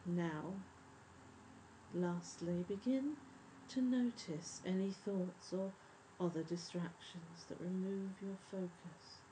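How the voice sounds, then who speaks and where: A woman leading a guided breathing meditation in a soft, soothing, measured spa voice that often trails toward a whisper. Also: on the low side, low-quality recording. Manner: measured, instructive. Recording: faint background noise and ambience.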